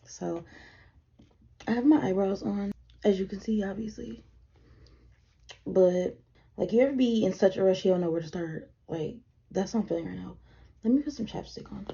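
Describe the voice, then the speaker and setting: A tired 21-year-old woman rambles through a casual get-ready-with-me vlog at her desk, swearing now and then. Tiredness makes her voice a little deeper than usual, dark-toned with vocal fry and a breathy edge, and she speaks at a moderate pace with frequent pauses. The lo-fi camera audio sounds dull.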